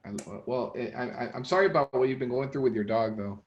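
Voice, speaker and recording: A man co-hosting a casual podcast, speaking haltingly and repeating words as he starts sentences. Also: medium pitch, lo-fi sound, a little hiss or hum. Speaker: podcast co-host.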